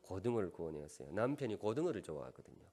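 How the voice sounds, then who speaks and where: Middle-aged pastor, gyeongsang accent, animated sing-song preaching, lots of questions to the crowd, long echo in a big church hall. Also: male voice, sits low, very fast. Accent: Gyeongsang Korean. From Gyeongsan, Gyeongsang Province, South Korea. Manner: animated, asks the congregation questions and jokes. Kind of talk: sermon. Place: large church sanctuary.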